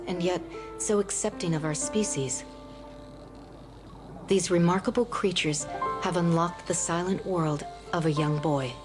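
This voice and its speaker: A woman reading scripted narration for a nature documentary. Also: on the low side. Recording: loud music bed behind the voice.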